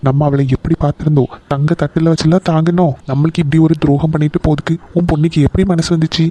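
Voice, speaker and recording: A man voicing an aging father in a cartoon, speaking quietly with hurt and reproach. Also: fairly high pitch, flat delivery, quick pace, lightly acted. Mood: hurt, reproachful. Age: older. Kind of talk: Tamil cartoon voice acting.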